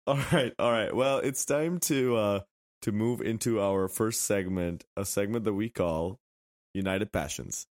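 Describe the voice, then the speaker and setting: A man hosting a casual sports podcast in a wry way, his voice raspy and hoarse from a throat infection. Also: lowish voice, unhurried, no echo, studio quality. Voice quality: gravelly, raspy voice. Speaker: podcast host.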